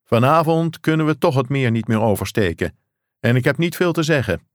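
A man's voice: mid-range voice, animated, brisk, no room sound, studio quality, pitched above the performer's own voice, close to an everyday voice. A man voicing an urgent caller on a distant phone line, speaking in clipped, raised phrases, in an audiobook reading. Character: adult male caller from a remote outpost.

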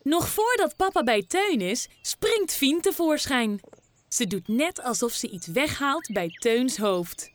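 A woman narrating a children's story slowly and expressively. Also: high-pitched, very animated.

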